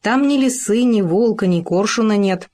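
A woman voicing an excitable young male gopher who loves making discoveries, in a children's storybook reading. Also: medium pitch, normal speed, close to an everyday voice. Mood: eager. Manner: eager, insistent, breathless with enthusiasm.

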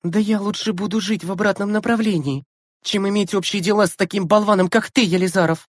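A reader voicing a brisk, impatient schoolgirl who answers curtly and coolly in an audiobook. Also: mid-range voice, fairly even intonation, no echo, studio quality, voice pushed up, natural voice. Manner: curt, cool replies. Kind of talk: audiobook character voice.

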